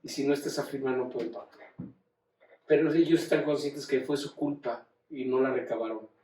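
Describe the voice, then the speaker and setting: A man as a hesitant, polite grown son; soft delivery, recorded off-mic in a roomy space. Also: mid-range voice, fairly even intonation, fairly quick, slight background noise, close to an everyday voice. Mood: apologetic. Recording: roomy room, distant mic.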